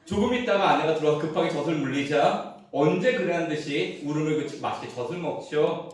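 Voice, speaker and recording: A man in his forties preaching as a pastor, telling a humorous family story that swings between hushed asides and emphatic punchlines. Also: fairly high pitch, quick pace. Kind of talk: sermon. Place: church sanctuary. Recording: roomy church echo, mic at a distance.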